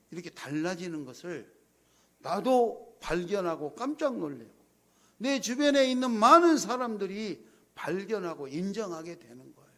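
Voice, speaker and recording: A man's voice: high-pitched, fairly bright tone. A male pastor preaching a sermon in a church sanctuary, talking in a conversational way and acting out his own prayers as quoted speech.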